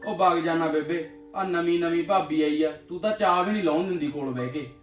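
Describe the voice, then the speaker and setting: A cheeky, teasing younger brother, played by a man, always up to mischief. His voice is a bit high and sounds far off in a roomy room. Faint music runs underneath. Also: a little fast, lo-fi sound, lightly acted. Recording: roomy film audio, distant mic, music.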